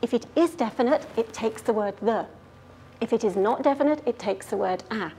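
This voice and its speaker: A woman's voice: on the high side, lively intonation, a little fast, warm tone, a little hiss or hum. A woman playing an earnest grammar detective. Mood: explaining. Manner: clear, patient explaining. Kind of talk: scripted grammar lesson skit.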